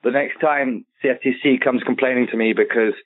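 Casting: male co-host, mid pitch, quick casual talker, tinny phone audio. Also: steady tone. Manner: quick, conversational, uses "like" and "you know". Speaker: co-host and writer. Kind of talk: casual podcast discussion. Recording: phone-like narrow sound.

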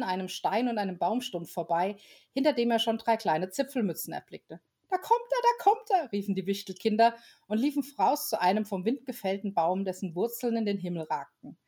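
A woman reading a children's Christmas story aloud in a relaxed way, with small slips and restarts. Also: mid-range voice.

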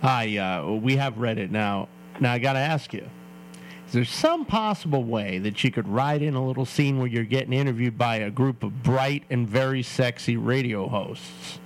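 A man's voice: medium pitch, normal speed, a little hiss or hum, low-quality recording. A man hosting a casual radio chat show, joking and playful, often restarting his sentences. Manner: jokey, playful, stammering restarts. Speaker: radio host.

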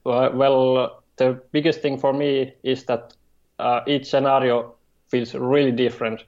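A man from Finland with a Finnish accent, a game designer speaking as a guest in an interview, halting and hesitant, with many fillers. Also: medium pitch, level tone, darkish tone, muffled recording, faint music behind. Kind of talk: remote interview.

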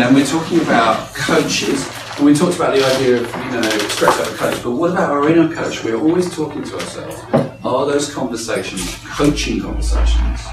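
A man leading a live coaching training for a group, lively and engaging, often acting out voices. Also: mid-range voice. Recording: echoey room from a distance.

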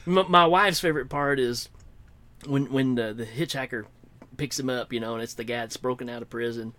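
A middle-aged man chatting casually as a podcast co-host, animated and quick to laugh. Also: mid-range voice. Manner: animated, laughing, shouts out quoted lines. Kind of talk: casual chat.

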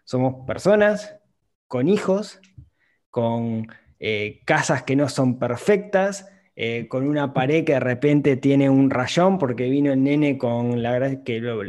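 A man's voice: medium pitch, slow pace, a little mellow. A man hosting a podcast, talking thoughtfully in a casual conversation with frequent restarts. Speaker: podcast host, finance author.

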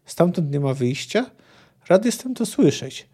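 A man's voice: a little high, very animated, unhurried, warm tone, husky, full character voice. A man reading aloud as a grim, terse male monster hunter, with curt, dry delivery.

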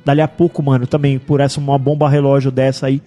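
A man's voice: mid-range voice, flat delivery, fast talker, warm tone, soft background music. A man hosting a casual podcast chat, telling stories in slang with sound effects. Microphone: studio microphone with headphones.

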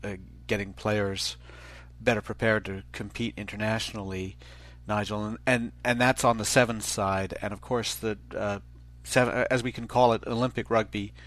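A man hosting an interview show, leading into his questions in a halting, rambling way. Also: on the low side, flat delivery, fairly bright tone. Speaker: show host.

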